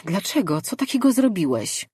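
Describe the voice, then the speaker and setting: A woman's voice: medium pitch, sing-song, moderate pace, darkish tone, slightly rough, dry recording, studio quality. A woman reading an earnest, reproachful young man in a fantasy story. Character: troubled young male dream weaver, earnest.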